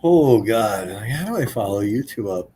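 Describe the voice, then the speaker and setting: A man's voice: on the low side, expressive, moderate pace, warm tone, slightly rough, poor audio. A man in his forties, a podcast guest, telling a personal story in a blunt, casual way, swearing freely.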